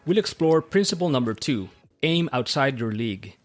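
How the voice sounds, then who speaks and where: Measured podcast host. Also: male voice, mid-range voice, sing-song. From Central America. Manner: measured, read-aloud delivery. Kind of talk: scripted podcast monologue and interview.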